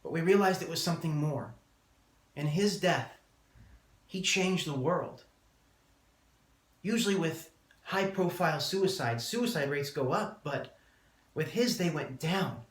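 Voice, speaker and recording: A man delivering a prepared eulogy as a speech, solemn and measured, with deliberate pauses. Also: a little high, animated. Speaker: student speaker giving a eulogy. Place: indoor room, public speaking class. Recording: roomy, echoing room sound.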